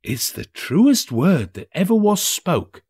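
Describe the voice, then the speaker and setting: A man's voice: sits high, very animated, slow pace, darkish tone, slightly rough, pitched above the performer's own voice, exaggerated voice. A man voicing a gossipy, gleefully judgmental charwoman in an audiobook, drawing out colloquial words. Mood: gleefully agreeing.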